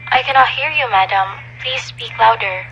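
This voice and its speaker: A woman's voice: fairly high pitch, normal speed, vocal fry, sharp tone, lo-fi sound. A woman playing a formal, unruffled telephone operator and receptionist in a radio play, polite, clipped and officious. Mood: brisk, formal. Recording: faintly noisy radio-style recording.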